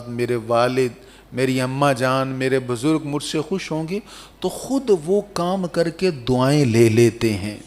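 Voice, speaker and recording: A man giving an Islamic sermon, quoting Arabic verses and explaining them, swinging between soft tender passages and loud emphatic stress. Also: mid-range voice. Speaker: preacher.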